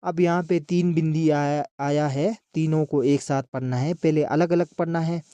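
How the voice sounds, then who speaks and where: A man's voice: a little high, fairly even intonation, moderate pace, warm tone, smooth, dry recording, dull audio. A man teaching a reading lesson, spelling out syllables one by one and then joining them into words. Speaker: language teacher.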